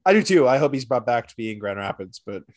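A man co-hosting a hockey podcast, chatting casually with a friend, animated and teasing, with quick bursts of excitement. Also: medium pitch. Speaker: podcast co-host. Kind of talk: casual sports chat.

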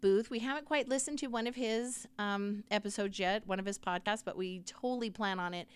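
A woman's voice: mid-range voice, fairly quick, clear, resonant tone. A middle-aged woman co-hosting a podcast, chatting casually and repeating her praise. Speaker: podcast co-host. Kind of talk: casual chat recap.

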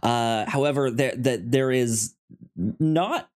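A male podcast co-host chats casually about films in a mid-range, darkish voice. He speaks haltingly, often repeating words and syllables as he goes.

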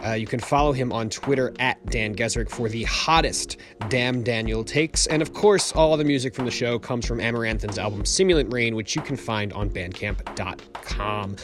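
A man's voice: medium pitch, normal speed, over music. A man producing a podcast, reading the outro announcements while recording under a blanket on vacation, sounding muffled.

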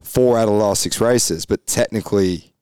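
A man hosts a casual motocross podcast in a fairly low voice. He chats in quick bursts, full of fillers and restarts. The mic is close and the sound is dry. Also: darkish tone, clean tone, no echo. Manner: chatty, quick bursts, frequent laughs and fillers. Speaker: podcast host.

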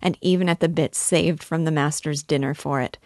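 A woman reading a classic novel aloud in a measured, earnest storytelling manner. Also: low-pitched, fairly even intonation, darkish tone, dry recording, clean studio sound. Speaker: audiobook narrator. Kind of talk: scripted narration.

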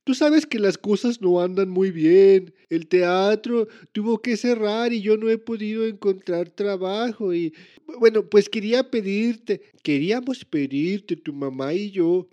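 A man playing a soft-spoken, hesitant father who is out of work. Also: high voice, unhurried, dull audio. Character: gentle, unemployed father. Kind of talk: comedic voice acting.

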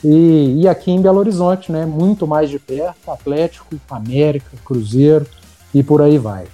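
Male football pundit, casual, extremely mellow timbre, light music behind. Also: on the high side, normal speed. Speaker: sports journalist on podcast. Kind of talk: casual chat.

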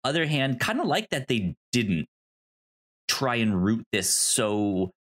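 During a laid-back podcast conversation, the male host keeps stammering and hesitating, his speech coming out haltingly. His mid-range voice is a bit bright and swings widely in pitch.

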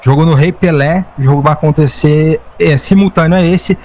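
A man's voice: fairly high pitch, fairly even intonation, normal speed, a little mellow. A man giving live football play-by-play in a conversational way, sometimes stumbling and correcting himself. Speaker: football commentator.

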